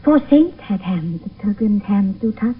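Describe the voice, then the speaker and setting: A woman playing a tender, demure young maiden in love, speaking measured verse in a 1970s radio play. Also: mid-range voice, expressive, husky. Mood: tender, coy. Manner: measured, poetic. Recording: thin, narrow-band old radio broadcast.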